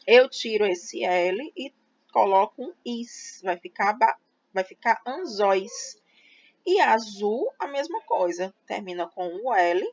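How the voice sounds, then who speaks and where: A woman teacher, explaining a grammar lesson slowly and patiently, spelling out syllables for her students. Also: medium pitch, lively intonation. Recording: slightly dull lo-fi audio.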